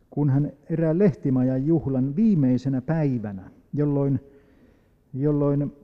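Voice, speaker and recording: A man preaching a sermon, reading scripture slowly and rising into emphatic, loud appeals. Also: a little high. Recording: dull lo-fi recording with long hall reverb.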